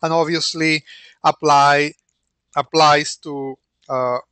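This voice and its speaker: A man teaching an online lecture as the instructor, speaking hesitantly with many pauses and restarts into a computer microphone. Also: on the high side, little pitch movement, sharp tone, clear, resonant tone, dry recording.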